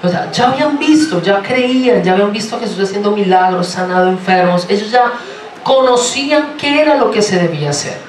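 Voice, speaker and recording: A man from Colombia with a Colombian accent, preaching a sermon in a lively, joking way and asking the congregation many rhetorical questions. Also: high-pitched, a little fast, slight background noise. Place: church sanctuary. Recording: roomy, from far off, faint ambience.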